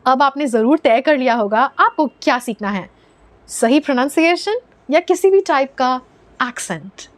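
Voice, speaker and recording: Indian woman English teacher, high voice, patient explainer who spells out and models words. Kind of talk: scripted lesson to camera.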